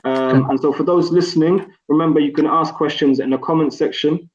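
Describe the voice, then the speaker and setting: A fairly high-voiced man teaches an online Arabic class and walks students patiently through each point. His voice sits in an echoey room and the sound is slightly dull. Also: fairly even intonation, brisk. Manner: patient, encouraging, explains step by step.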